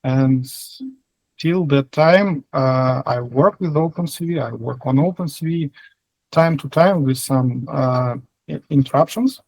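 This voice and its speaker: Gravelly, husky man with Russian accent. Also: mid-range voice, darkish tone, dry recording, low-quality recording. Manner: hesitant, halting phrasing. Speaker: software engineer, interview guest. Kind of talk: casual interview answers.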